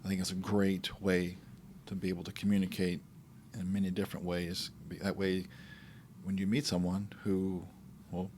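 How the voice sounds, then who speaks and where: Low-voiced man hosting a podcast. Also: little pitch movement, darkish tone, slight background noise. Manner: easygoing, halting, with asides. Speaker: podcast host. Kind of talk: casual conversational podcast.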